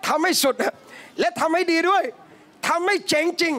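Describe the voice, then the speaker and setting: A man from southern Thailand preaching a lively sermon to a live audience, telling animated stories and calling his listeners brothers and sisters. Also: very high-pitched, moderate pace. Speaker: Islamic preacher. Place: cafe hall, live talk.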